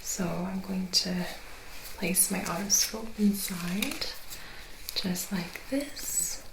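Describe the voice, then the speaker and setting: A woman speaks very softly, mostly in a soft voice, in an ASMR ear-exam role-play. She plays a gentle clinician who explains each step at a slow pace. The recording carries clear noise with small clicks. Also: medium pitch.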